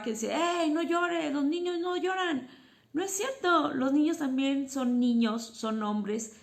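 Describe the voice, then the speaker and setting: A woman's voice: fairly high pitch, creaky. A woman psychotherapist and teacher, explaining to parents in a casual teaching talk and often asking herself rhetorical questions. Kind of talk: informal educational talk to parents.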